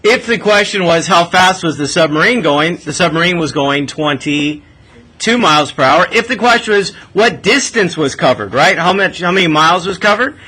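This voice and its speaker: A man teaching a math class explains things step by step, often stopping to ask questions that check whether students understand. His voice sits a little high, with lively intonation, a moderate pace, and a pushed, bright quality.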